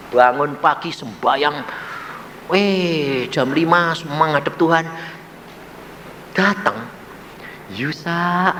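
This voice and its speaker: A male evangelist, preaching a sermon full of personal testimony. He swings from high exclamations to low murmurs. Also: pushed and bright, long reverb tail, a little hiss or hum.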